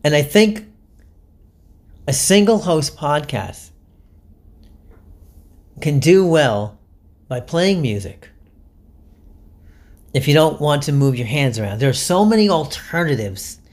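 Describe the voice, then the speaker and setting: A man hosting a solo podcast, giving candid, chatty advice in an animated, self-deprecating way. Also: a little high, takes it slowly, pauses often. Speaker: podcast host.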